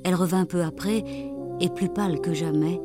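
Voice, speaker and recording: A woman reading a fairy tale aloud in an expressive, dramatic storytelling manner. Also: on the low side, moderate pace. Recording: music playing behind.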